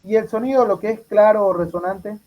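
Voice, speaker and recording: A man's voice: sits high, fairly quick, lo-fi sound, a crowd in the background. A man tutoring medical students for an exam, quizzing them and repeating their answers back. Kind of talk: exam review class.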